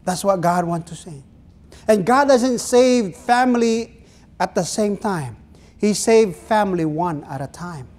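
Animated and high, with a darkish tone, a middle-aged pastor from the Philippines gives an earnest sermon from a small church pulpit. His Filipino accent reflects his first language, Ilonggo, and he stretches out phrases and asks the congregation questions.

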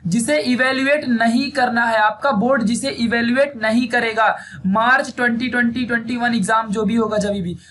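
A man's voice: very high voice, bright, forceful tone, slight background noise. A man teaching a casual syllabus walkthrough, chatty and repetitive, speaking. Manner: chatty, repeats "theek hai" often.

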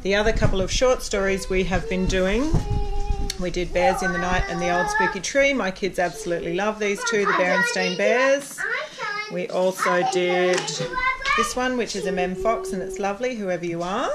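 This is a woman in her thirties with an Australian accent and a lowish voice, talking at a moderate pace in a casual home vlog about books. She homeschools and vlogs, and this is a relaxed book round-up filmed in a room at home. Noisy chatter from young children playing fills the background.

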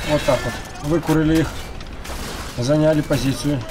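A man's voice: a little high, fairly even intonation, normal speed, over music. A man giving casual commentary while playing a video game.

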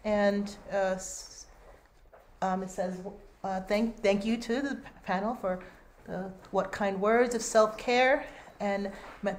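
A woman moderating a video-call panel, reading out a question and answering it herself, halting and restarting often. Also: medium pitch, steady tone. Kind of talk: online panel discussion. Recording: echoey room, faint noise.

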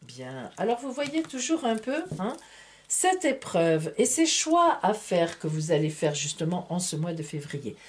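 A woman's voice: on the low side, big pitch swings, a little slow, a little hiss or hum. A woman, chatty and playful, reading a monthly horoscope from tarot cards. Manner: chatty, playful, full of fillers like hein and voilà. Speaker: tarot reader and astrologer. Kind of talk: casual horoscope reading to camera.

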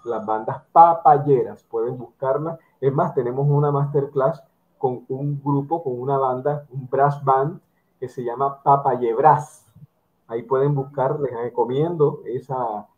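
A man's voice: medium pitch, steady tone, measured pace. A middle-aged man from Barranquilla, Colombia, hosting a drum interview over a video call, explaining to viewers and using examples. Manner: explanatory, addresses viewers directly, lectures with examples. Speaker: host of an online drum interview. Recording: tinny phone-like video call audio.

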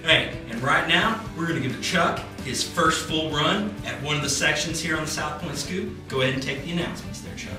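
A man's voice: fairly high pitch, brisk, hardly any pauses, heavy reverb, recorded from a distance, over music, close to an everyday voice. A man playing a cheesy church news anchor, with upbeat, jokey patter in a church video sketch. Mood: cheery.

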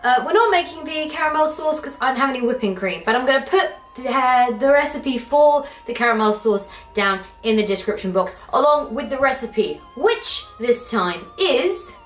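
This cooking vlogger is a young British woman whose high, expressive voice runs at normal speed with hardly a pause. Filming a casual home vlog in her kitchen, she rambles, chats and teases herself over her own slip-ups. Faint music plays in the echoey room.

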